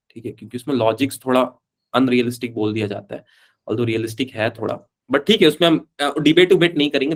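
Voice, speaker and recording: A man teaching a live online physics class, chatty, calling students beta and switching between Hindi and English. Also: mid-range voice.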